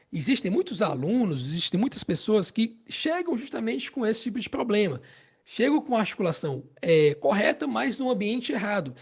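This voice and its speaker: Man, Brazilian Portuguese accent, harmonica teacher, husky tone, repeats and checks in. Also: high voice. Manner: explains slowly, repeats phrases, checks with "né?" and "entende?". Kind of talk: casual spoken lesson.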